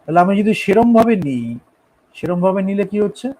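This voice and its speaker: Male teacher, high voice, explains patiently step by step, classroom lecture. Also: animated, a little fast, a little mellow, poor audio. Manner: explains step by step, often checks understanding. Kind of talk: classroom lecture on poetic meter.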